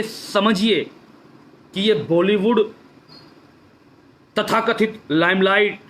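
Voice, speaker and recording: A man speaks with fervour on a live stream, his voice sitting high, and he drives each point home by saying it twice. A faint hiss of noise runs under him. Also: a bit bright. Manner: emphatic, repeats key phrases. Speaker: political speaker on a social media live stream. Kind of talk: impassioned live-stream address.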